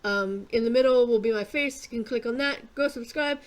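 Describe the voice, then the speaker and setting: A woman's voice: a little high, normal speed. Coughing woman, rambling gamer chat. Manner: rambling, filler-heavy, casual swearing. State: keeps clearing throat and coughing. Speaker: gaming YouTuber. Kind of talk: casual gameplay commentary.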